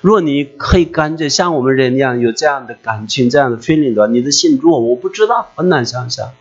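A man preaching a personal testimony in an emotional, animated way, often asking his listeners questions, recorded dull and lo-fi with a mains hum. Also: mid-range voice, fast.

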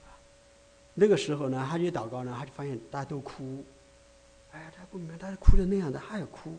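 A man's voice: a little high, quick pace, dark tone, slight background noise. A man preaching a conversational sermon, full of rhetorical asides, restarts and filler sounds.

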